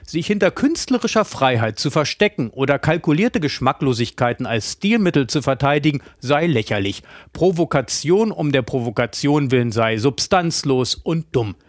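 Sachlicher Radioreporter. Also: male voice, medium pitch, animated, moderate pace, dry recording, studio quality. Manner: matter-of-fact. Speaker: radio reporter. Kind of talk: news report.

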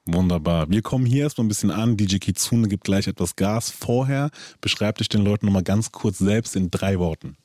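A man's voice: lowish voice, brisk, hardly any pauses, darkish tone, no room sound, studio quality. A man hosting a casual interview, easygoing, with short affirming replies. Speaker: interview host.

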